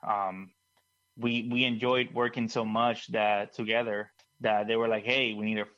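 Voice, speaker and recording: A man's voice: fairly low pitch, flat delivery, normal speed, a bit bright. A man from Puerto Rico, a band singer and producer, answering casually, repeating words as he searches for them, on a dull lo-fi call line.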